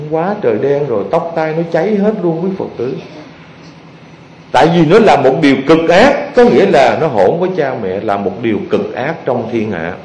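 A man, a Buddhist monk, preaching to his followers in a lively storytelling manner and often asking the audience questions. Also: on the high side, a little hiss or hum. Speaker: Buddhist monk giving a dharma talk. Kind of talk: sermon to lay followers. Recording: echoey hall.

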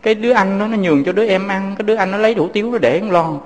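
A man's voice: high voice, racing, big-room sound. A Southern Vietnamese man, a Buddhist monk, giving a fatherly sermon full of personal stories and speaking to his listeners as his children.

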